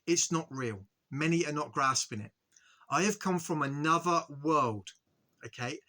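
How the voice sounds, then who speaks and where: A man with a bright, slightly high voice delivers an earnest spiritual monologue straight to his viewers. He talks in halting bursts, restarts and stumbles over his words, and keeps checking in with a quick "okay?". The delivery stays solemn and insistent throughout. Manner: earnest, repetitive, frequent "okay?" check-ins. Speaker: spiritual video host.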